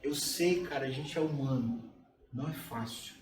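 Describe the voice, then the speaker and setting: A Brazilian man in his forties preaches a sermon in a rather high voice, speaking to the congregation like friends. He sounds distant from the mic in a reverberant room. Music plays steadily behind him. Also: normal speed, a crowd in the background. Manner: conversational, keeps addressing listeners as "cara". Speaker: pastor.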